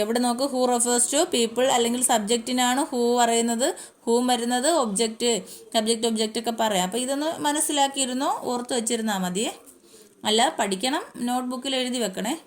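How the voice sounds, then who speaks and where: A woman's voice: on the high side, fairly even intonation, brisk. A woman with a Malayali accent teaching English grammar in a casual spoken lesson, going through terms one by one and repeating them as she explains.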